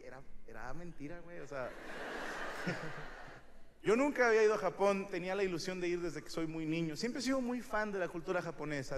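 A Mexican man in his thirties doing a stand-up comedy monologue, telling crude, slangy stories and shouting some bits. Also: sits high. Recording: live show with loud audience noise.

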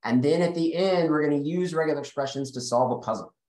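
A man's voice: a little high, fast, a little mellow, echoey room, poor audio. A male developer presenting on a video call, eager and explanatory, occasionally correcting himself. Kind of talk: technical webinar presentation.

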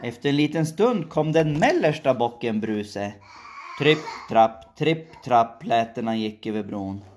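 Storyteller, woman, very low voice, slow deliberate fairy-tale reading with sound effects. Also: animated, darkish tone, a little hiss or hum.

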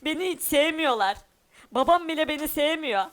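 A man's voice: very high voice, lively intonation, normal speed, fairly bright tone. A man voicing a hurt, defiant runaway boy in a cartoon game parody, whiny and sulking, talking to viewers. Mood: sulky.

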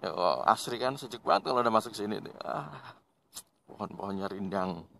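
A man's voice: on the low side, brisk, gravelly, slight background noise. A man hosting a motorcycle vlog, chatting casually to viewers as he rides and laughing now and then. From Indonesia. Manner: relaxed, chatty, laughs often, addresses viewers as friends. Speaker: motovlog host. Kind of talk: casual riding commentary. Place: riding a motorbike outdoors on rural roads.

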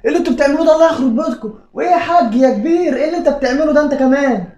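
Man doing a strict Egyptian mother, shrill, nagging, very fast, echoey room. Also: animated, a little mellow, muffled recording, a little hiss or hum. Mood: outraged. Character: strict scolding Egyptian mother, middle-aged.

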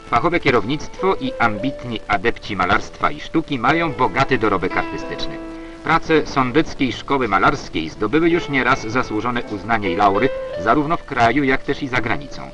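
A man narrating an old newsreel in a formal, declamatory announcer style, reading a prepared script. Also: mid-range voice. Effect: old 1970s newsreel narration. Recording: dull lo-fi archival film sound with music. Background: music.

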